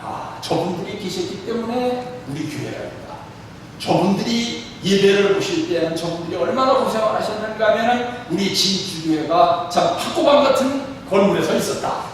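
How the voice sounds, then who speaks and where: A man in his sixties preaching a sermon as church leader, animated and full of rhetorical questions. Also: high-pitched, normal speed. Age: 60s. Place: church hall. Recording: echoey hall, distant mic, faint noise.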